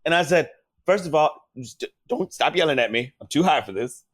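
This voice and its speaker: A man telling animated stories in casual podcast chat, often putting on voices for the people he quotes. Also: a little high, fairly quick, no room sound. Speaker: podcast guest, comedian.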